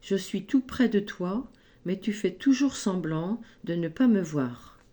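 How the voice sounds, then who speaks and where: A woman giving a spoken tarot card reading, slow and gently encouraging, often adding little tags as she goes. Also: medium pitch, lively intonation. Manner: slow, gentle, encouraging, frequent "hein" and "ici".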